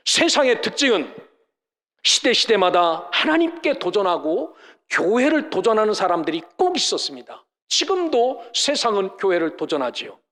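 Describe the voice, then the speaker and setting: High, lively-voiced male pastor preaching. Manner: emphatic, asks the congregation rhetorical questions; mimics scoffers in mocking voices. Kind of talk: sermon. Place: church service.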